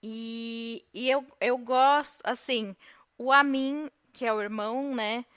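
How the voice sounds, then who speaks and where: A woman's voice: on the high side, steady tone, slow pace, fairly bright tone, clean tone. A Brazilian woman, a podcast guest, casually discussing a film with hesitant fillers and restarts. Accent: Brazilian Portuguese.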